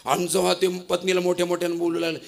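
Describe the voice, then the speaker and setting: A male kirtan preacher telling a folksy story with lively delivery in a devotional sermon. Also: high-pitched, racing, gravelly.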